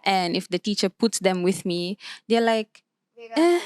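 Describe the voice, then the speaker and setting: A young woman from Malaysia, speaking casually as a panel guest and often filling pauses with "like". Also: medium pitch, lively intonation, clear, resonant tone. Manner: chatty, frequent filler "like", restarts.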